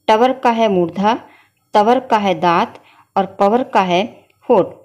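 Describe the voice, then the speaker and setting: A woman's voice: on the high side, a little mellow. A middle-aged woman teaching a Hindi grammar lesson, patiently sounding out syllables and asking the children to repeat after her.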